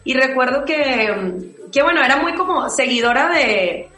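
Mujer venezolana de voz algo aguda, en sala con eco. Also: female voice, sits high, lively intonation, a little slow, pushed and bright, reverberant, faint music behind, rough recording. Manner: thoughtful, many fillers and restarts. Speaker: singer-songwriter guest. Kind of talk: interview answers.

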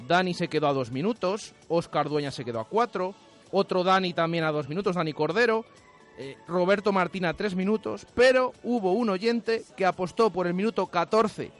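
A man's voice: sits high, lively intonation, normal speed. A man with an accent from Spain co-hosting a sports radio chat, emphatic and repeating phrases to stress them. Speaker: co-host of a local sports radio show. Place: radio studio. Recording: music bed behind.

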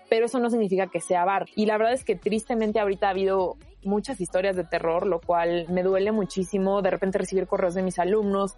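A woman teacher with a Mexican Spanish accent, talking casually and loudly about teaching online. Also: medium pitch. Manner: loud, animated speaker who gestures a lot. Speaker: university teacher.

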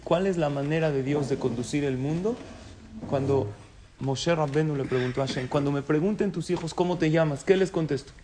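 A man giving a sermon as a rabbi, animated storytelling that acts out the voices of people in his tales. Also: a little high, a little fast, background noise.

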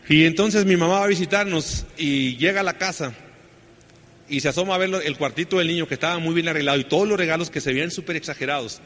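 A man's voice: a little high, quick pace, a bit bright. A middle-aged man with a Mexican accent giving a motivational talk, telling family stories and acting out the dialogue. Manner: storytelling, acts out family dialogue, many restarts. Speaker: motivational speaker. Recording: echoey hall with faint noise.

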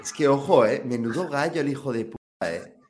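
A man's voice: medium pitch, a little fast. A man from Spain hosting a casual podcast, joking and crude. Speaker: podcast host. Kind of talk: casual chat.

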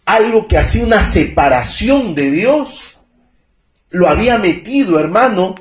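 A man in his thirties delivers an emphatic sermon in a fairly high voice. He keeps calling his listeners brother and checking that they follow him. The sound is roomy and echoing, as in a church. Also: expressive, a little slow. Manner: emphatic preaching. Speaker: preacher. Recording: echoey room.

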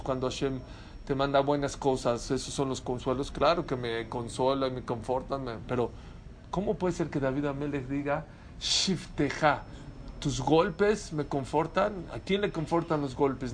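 A man's voice: on the high side, slight background noise. A man preaching a sermon as a rabbi, telling stories and asking rhetorical questions with animation.

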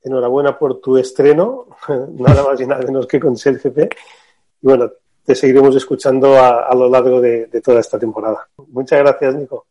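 A podcast host with a mellow, darker voice leads an interview in a relaxed, conversational way. He sounds steady and friendly in tone. He is a man of ordinary pitch. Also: brisk. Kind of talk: interview hosting.

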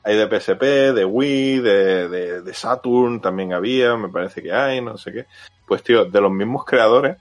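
A man hosting a casual chat in an excitable, slangy, repetitive way. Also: on the low side, moderate pace, faint music behind. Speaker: podcast host.

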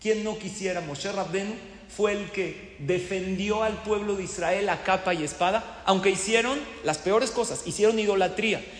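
A man's voice: sits high, moderate pace, slight background noise. A man giving a sermon to a live audience as a rabbi, telling stories and asking his listeners questions. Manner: storytelling, asks the audience questions. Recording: echoey hall with faint ambience.

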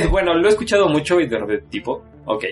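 A man's voice: fairly high pitch, brisk, soft background music. A young man with a Mexico City accent, chatting casually and at length as a podcast host, laughing often. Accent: Mexico City Spanish. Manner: relaxed, rambling, laughs often. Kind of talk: casual chat.

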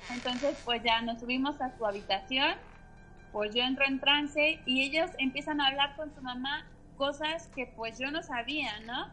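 A woman's voice: high-pitched, steady tone, normal speed, bright, forceful tone, slight background noise, poor audio. A woman, a guest telling a personal story in a chatty way, full of fillers and tag questions. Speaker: guest medium. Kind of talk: casual storytelling.

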